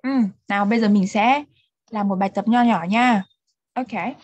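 A woman's voice: mid-range voice, moderate pace, darkish tone, no echo, highs cut off. A young woman with a Vietnamese accent, a native Vietnamese speaker, teaching English in an online lesson. She drills words patiently and switches between English and Vietnamese. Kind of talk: online repeat-after-me language drill.

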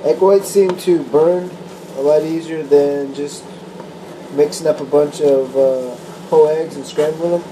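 A young man talks through his cooking on a handheld camera in his kitchen, easygoing and plain-spoken, with a fair number of ums and uhs. His voice sits a little high for a man. The audio is noisy, with a steady appliance hum behind him. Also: a little slow. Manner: relaxed, matter-of-fact, uses fillers. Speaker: vlogger. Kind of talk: casual cooking vlog. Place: home kitchen indoors, then a car. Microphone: handheld camera close, at times set down.

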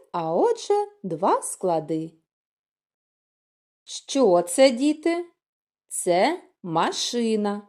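A woman teaching young children, explaining calmly and asking them questions. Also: medium pitch. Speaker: kindergarten teacher.

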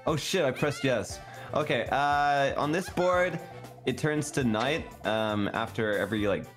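A man in casual gaming chat, explaining the game playfully and a bit haltingly. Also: medium pitch, fairly bright tone. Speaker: streamer explaining a party game. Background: game music.

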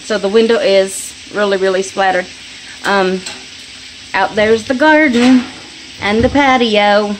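A middle-aged homestead vlogger talks casually into her phone in a small home kitchen, folksy and chatty, laughing easily as food sizzles in the pan. She speaks at medium pitch with a steady tone and measured pace, leaving long pauses. The recording is low quality, with slight background noise.

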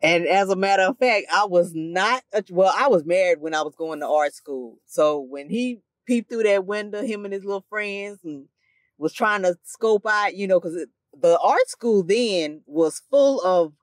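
A woman's voice: lowish voice, animated, measured pace, no room sound. A woman in her fifties hosts a podcast in easy, casual chat. She is frank and teasing, and her voice sits close and dry with no room sound around it. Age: 50s. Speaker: podcast host.

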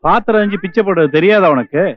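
An actor playing a curt, know-it-all educated beggar in a film. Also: male voice, high-pitched, very fast, dull audio, lightly acted. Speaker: beggar in a film comedy scene.

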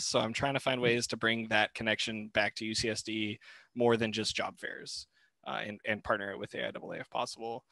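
A young man casually introducing himself at a student club meeting over a video call, relaxed, with fillers and restarts. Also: mid-range voice, dry recording. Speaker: graduate liaison.

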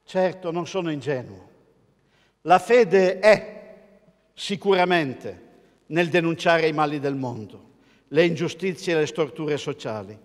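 An older male pastor with an Italian accent, preaching a sermon from a church pulpit in a measured, emphatic way, posing rhetorical questions to the congregation. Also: fairly high pitch, animated. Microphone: pulpit mic, filmed by a camera across the church. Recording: long church reverb.

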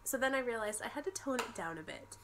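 Sitting in her bedroom at home, a young American woman vlogger chats and explains things casually, her voice congested from a cold. She talks fast and animatedly in a higher register, with some background noise.

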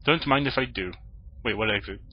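A man delivers sarcastic, wisecracking let's play commentary, joking casually over the game. His voice is lowish and brisk with a breathy edge. The audio is dull and noisy, with video game ambience and gunfire behind him.

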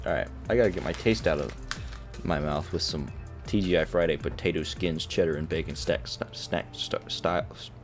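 A man's voice: a bass voice, moderate pace, soft background music. A man casually chatting through a snack taste test, joking and reacting with exaggerated disgust. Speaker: vlogger reviewing snacks.

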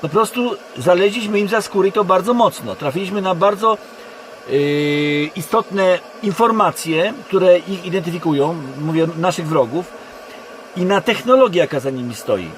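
A Polish man giving a rambling monologue to camera from inside a car, speaking haltingly and often correcting himself. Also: high voice. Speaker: online video creator. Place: inside a parked car in a forest. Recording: constant background noise in a car. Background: steady background hum.

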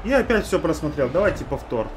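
A man's voice: fairly high pitch, big pitch swings, fast, a little hiss or hum. A man giving casual play-by-play of a hockey video game, talking to the players and to himself. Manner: talks to teammates and himself. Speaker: gamer narrating own hockey video game.

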